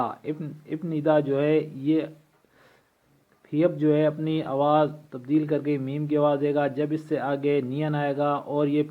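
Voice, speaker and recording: A man teaching a language lesson from a textbook, reading vocabulary slowly and repeating each word for practice. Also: fairly high pitch. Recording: tinny phone-like recording.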